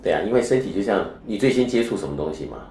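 A man with a very low voice is interviewed as a spiritual teacher, speaking in an animated, very fast, slightly mellow way. He lectures at length and keeps framing his points as rhetorical questions, in an echoey room with a faint hiss.

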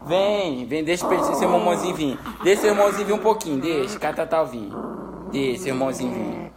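A man coos and pleads in doting baby talk, his voice pitched fairly high. He streams live from home over a clearly noisy background with a dog barking. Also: quick pace. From Espírito Santo, Brazil. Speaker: pet owner streaming live. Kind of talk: casual live-stream chat.

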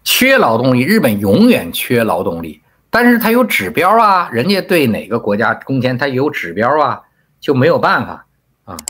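A man talks in a casual, blunt monologue that is full of profanity and open scorn. His voice is husky, and his pitch swings widely from high jabs down to low, grumbling asides. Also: huge pitch swings, normal speed, a bit bright. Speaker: commentator.

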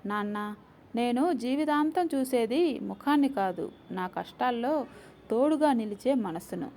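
Storybook young wife, steady and earnest, slightly high pitch, read by a woman narrator. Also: a little slow, a little hiss or hum. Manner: earnest, resolute. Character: young woman, gentle but firm bride.

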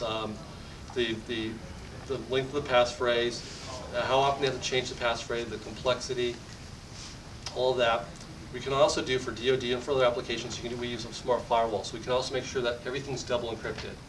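A tech company presenter in his thirties gives a conference product demo in a meetup room, his middle-pitched voice racing through eager sales patter with frequent restarts. The podium mic is picked up from a far camera, so the audio sounds distant and roomy, with a low rumble.

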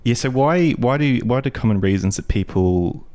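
A man's voice: mid-range voice, expressive, normal speed, warm tone. A man hosting a podcast interview, friendly and often restarting his questions. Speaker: podcast host.

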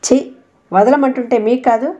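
A woman's voice: high voice, normal speed, warm tone, dull audio, close to an everyday voice. A woman reading the part of an angry young wife in an audiobook, with biting, indignant retorts. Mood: angry scornful.

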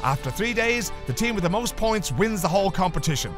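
A man's voice: high-pitched, big pitch swings, fairly quick, over music. A man narrating a fishing competition show in a scripted, announcer-like way. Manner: announcer-like, emphatic introductions.

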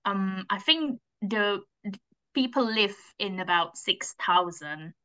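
A woman's voice: mid-range voice, slow pace, clean tone, low-quality recording. A woman in her thirties from Indonesia, chatting animatedly as an interview guest over a video call from home. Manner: animated, gestures with her hands while explaining. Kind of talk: casual interview chat. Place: home room with bookshelves. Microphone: video call webcam.

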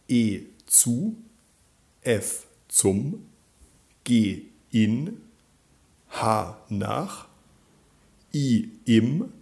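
Slow, gravelly-voiced teacher, lively pitch. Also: male voice. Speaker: German teacher. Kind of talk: slow, clearly spoken grammar lesson.

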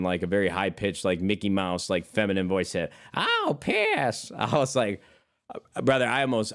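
A man's voice: sits low, clear, resonant tone. A man in his thirties, a streamer chatting casually with his viewers. He rambles from one topic to the next, swears freely and keeps calling his listeners brother. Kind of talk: casual chat.

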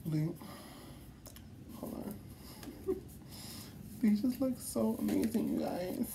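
A woman chatting casually to her viewers in a vlog, animated, laughing often and swearing freely. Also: fairly high pitch, drawn-out words, gravelly, background noise. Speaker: vlogger.

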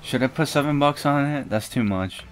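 A man's voice: medium pitch, moderate pace, soft background music. A man chatting casually with a friend while gaming, laughing at him and scolding him in exasperation. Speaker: gamer.

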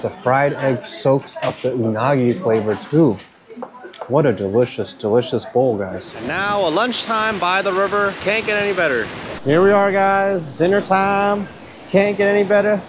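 A man in his thirties with a high voice vlogs restaurant meals in Kyoto, indoors and by the river outdoors, holding the camera at arm's length. Upbeat and enthusiastic, he hums as he savors each bite and keeps calling out "guys" to viewers, with background noise audible.

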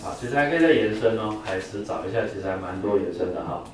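A male teacher lectures on vocabulary, peppering his explanations with "啊" and leading drills. His fairly low voice comes from across a very echoey classroom. Faint noise sits under the recording. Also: quick pace, far from the mic. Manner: explains with frequent "啊" fillers, drills words for the class to repeat.

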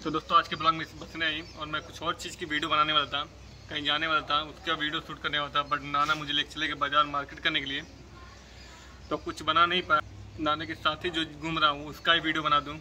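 A man's voice: fairly high pitch, flat delivery, fast, poor audio. Young man vlogging over street noise. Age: young adult. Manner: chatty, running commentary while riding and shopping. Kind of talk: casual vlog narration. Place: outdoors in a village and market. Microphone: camera at arm's length. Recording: loud street noise behind.

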